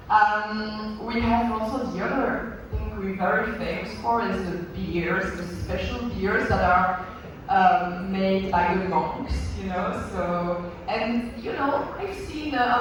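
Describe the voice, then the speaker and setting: Belgian French man, high voice, halting conference lecture, distant mic in a noisy echoing hall. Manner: hesitant, many fillers and restarts. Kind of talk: conference talk. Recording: echoey hall from far off, noisy.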